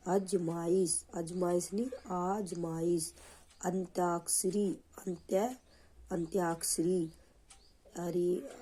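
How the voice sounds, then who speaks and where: A woman's voice: on the low side, dark tone, breathy edge. A woman teaching a spelling lesson for an exam, patiently saying each word twice and correcting the wrong form after it. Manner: patient, drilling delivery.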